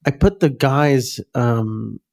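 A man's voice: medium pitch, takes it slowly, gravelly, a little mellow. A man hosting a podcast in casual interview chat, his nose stuffy from a cold. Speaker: podcast host.

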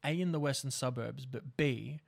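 A man's voice: medium pitch, normal speed, creaky. A young man hosting a podcast, telling stories in a rambling, casual way, swearing freely. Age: young adult. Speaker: podcast host. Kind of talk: casual chat.

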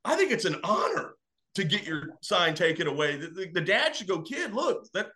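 Guy telling wrestling-fan stories, bright voice, kinda high, acts out the quotes. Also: sing-song, brisk. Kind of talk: casual storytelling.

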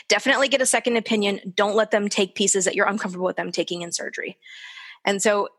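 Candid woman telling her story. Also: medium pitch. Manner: candid and animated, quoting others in lively voices. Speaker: guest. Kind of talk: casual conversational storytelling. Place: lives in the desert southwest of the US.

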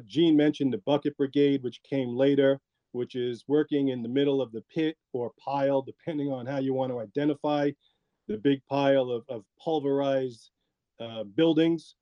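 A man, a former law enforcement officer, recounting his experience in a measured way with frequent pauses. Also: medium pitch, dry recording, muffled recording. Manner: measured, with frequent ums and asides. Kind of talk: reflective interview storytelling.

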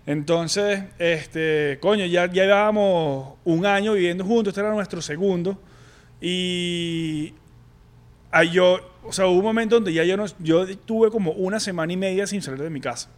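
A man's voice: high voice, moderate pace. A man, co-hosting a casual podcast and candidly telling a personal story with many restarts and fillers. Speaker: podcast co-host. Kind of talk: casual chat.

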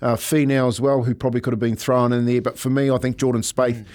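A man's voice: mid-range voice, flat delivery, quick pace, darkish tone. A man chatting casually as a panellist on a sports radio show.

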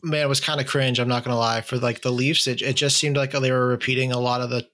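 A man's voice: medium pitch, flat delivery, fast, fairly bright tone. A man hosting a casual online discussion over a video call, talking conversationally with many fillers and restarts. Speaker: podcast host asking questions.

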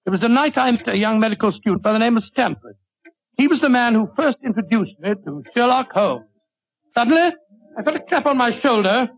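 An actor playing an older, avuncular British doctor who reminisces in a wordy, genial 1940s radio drama style. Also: male voice, very high voice, expressive, brisk, husky, no room sound, heavily acted. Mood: dramatic narration. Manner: avuncular, wordy, chuckling storyteller. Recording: dull old-time radio recording.

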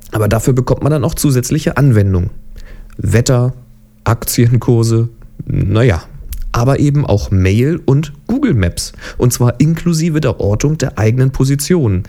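A man hosts a podcast, talking through tech news in a loose, chatty way with wry little asides. His voice sits in a middle pitch and has a mellow, warm tone. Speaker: podcast host. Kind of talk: casual tech podcast commentary.

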